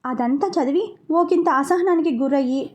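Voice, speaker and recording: A woman narrating a scripted serialized story in a steady, expressive reading voice. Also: sits high, moderate pace, dull audio.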